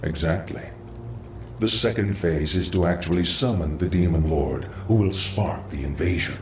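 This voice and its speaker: An actor playing a cunning, servile undead lich sorcerer in a fantasy game, solemn and sinister, with an echoing effect. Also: male voice, deep voice, normal speed, darkish tone, a little hiss or hum. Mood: solemn, scheming. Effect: echoing reverb on the voice. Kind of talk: fantasy game cutscene acting. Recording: echoing, distant-sounding, music behind.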